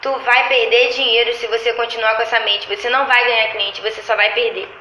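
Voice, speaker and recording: A woman in casual chat, telling animated stories about her lash clients and acting out their lines. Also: a little high, a little fast, highs cut off, a little hiss or hum. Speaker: lash artist. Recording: echoey room.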